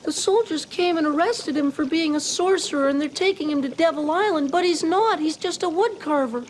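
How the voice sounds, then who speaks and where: A woman's voice: high voice, a little fast, slight background noise, close to an everyday voice. A woman voicing an earnest young wooden puppet boy in a cartoon, childlike and pleading. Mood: earnest, curious. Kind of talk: dubbed cartoon acting. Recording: music behind the voice.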